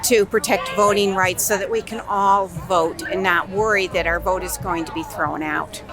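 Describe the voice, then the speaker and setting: A woman's voice: medium pitch, fairly even intonation, normal speed. A woman in her sixties at a protest, speaking in a pointed, indignant way. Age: 60s. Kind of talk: street interview answers. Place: outdoor street protest. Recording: loud crowd and music outdoors.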